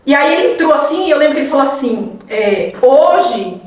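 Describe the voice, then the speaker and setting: A quick-talking woman tells her faith testimony as a podcast guest. She brings the story to life by acting out the dialogue. She is recorded from a distance in a very echoey room. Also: high-pitched, expressive. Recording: very echoey room, mic far off.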